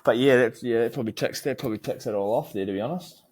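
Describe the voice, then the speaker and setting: A man's voice: mid-range voice, racing, a little mellow. A young man with a broad New Zealand accent, bantering casually as a podcast co-host in a laid-back, slangy way and often repeating himself. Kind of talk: casual banter between mates.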